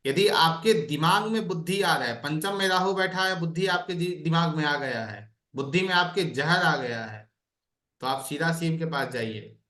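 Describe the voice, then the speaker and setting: A man's voice: fairly high pitch, lively intonation, normal speed, pushed and bright, roomy sound. A man teaching an online astrology class, explaining by asking his students questions.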